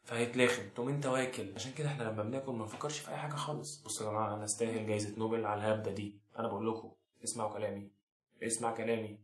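A man's voice: on the low side, steady tone, rapid-fire. A young man with an Egyptian accent delivering a sarcastic, mock-serious comic advice monologue to the camera. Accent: Egyptian Arabic. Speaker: comedy vlogger. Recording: echoey room.

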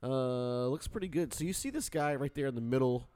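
A man's voice: medium pitch, a little fast, mellow, smooth, no echo. A man hosting a radio show in casual, jokey banter with his co-hosts.

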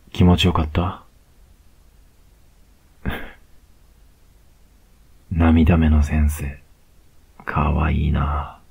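A man with a Kansai accent playing a cocky young male student who teases his teacher, in a whispered role-play with a slow, close murmur. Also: rumbling low, flat delivery, slightly rough, exaggerated voice. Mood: teasing. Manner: slow, close, teasing murmur with soft laughs.

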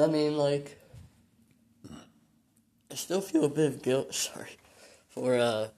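A young man in his late teens rambling through a solo podcast, hesitant and full of ums, sounding weary and low, recorded on a phone. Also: a little mellow. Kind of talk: rambling casual monologue.

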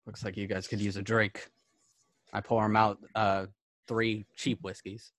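A man's voice: on the low side, level tone, measured pace, fairly bright tone, no room sound. A man casually role-playing and describing actions as a player in a tabletop game. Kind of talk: casual role-play chat.

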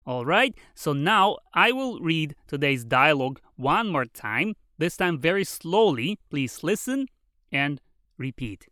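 A teacher reading a vocabulary lesson, saying each word clearly and repeating it twice. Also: medium pitch, sing-song, measured pace, bright, forceful tone. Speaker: Mandarin teacher. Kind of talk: slow bilingual vocabulary lesson.

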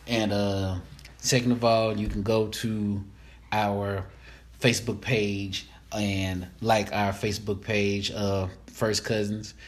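A man's voice: lowish voice, little pitch movement, takes it slowly, roomy sound. A man co-hosting a podcast in casual chat, talking in a laid-back, rambling, jokey way. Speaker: podcast co-host.

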